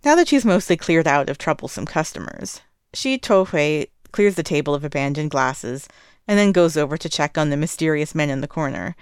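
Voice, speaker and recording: Low-voiced woman narrating a story. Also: clear, resonant tone, no room sound, clean studio sound. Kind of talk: audiobook narration of fan fiction.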